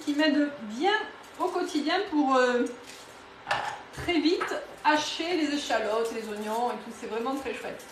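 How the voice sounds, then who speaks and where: Cooking live in her home kitchen, a southwestern French woman from the Toulouse area chats enthusiastically, restarting often and filling pauses. Her voice sits high, and the recording is roomy, somewhat far from the mic, with a little hiss or hum.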